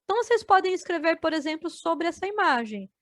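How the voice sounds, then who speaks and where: A woman's voice: very high voice, lively intonation, fairly bright tone, no room sound. A Brazilian woman teaching an adult education video lesson, spelling out words syllable by syllable for her students. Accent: Brazilian Portuguese. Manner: slow, syllable-by-syllable explaining to students.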